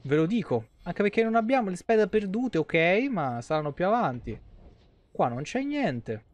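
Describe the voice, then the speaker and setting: Here the same kind of home streamer, a man in his thirties from Rome, sounds high-pitched with big swings in pitch at normal speed. He hosts casual live gameplay commentary, musing aloud with a colloquial, salty tongue.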